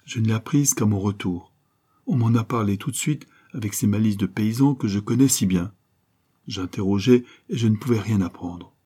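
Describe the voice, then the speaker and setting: A man reading aloud voices an old village priest who speaks gravely and wearily. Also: lowish voice, warm tone. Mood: weary. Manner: grave, slow and weary.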